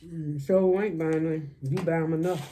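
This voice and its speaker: A woman's voice: sits low, steady tone, mellow, slight background noise. A middle-aged woman, bantering casually over food and talking back sassily as she chews. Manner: chewing while talking; sassy, quick to talk back. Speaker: mukbang co-host.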